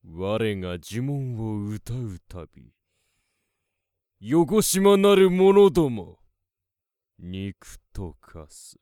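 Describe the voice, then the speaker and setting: A man's voice: sing-song, very slow, long pauses, warm tone, clean tone, dry recording, studio quality. A man voicing a defiant male wizard who revels in a hopeless battle, speaking in a grandiose, archaic way. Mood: exultant. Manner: grandiose archaic speech, booming declarations. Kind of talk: dramatic storytelling.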